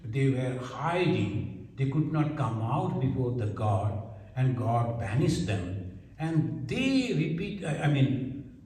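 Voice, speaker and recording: A man with a Bengali accent teaching scripture, explaining slowly and repeating his phrases. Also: mid-range voice, big pitch swings, dark tone. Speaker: spiritual teacher. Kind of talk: scripture lecture. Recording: echoey hall from far off.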